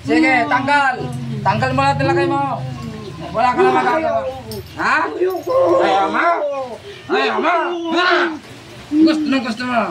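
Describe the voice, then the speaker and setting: A woman's voice: sits high, lively intonation, measured pace, long pauses, over a noisy crowd. A woman folk healer leading a healing ritual, chanting prayers and then taunting and demanding answers in a commanding way. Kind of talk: healing ritual incantation and confrontation. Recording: noisy background.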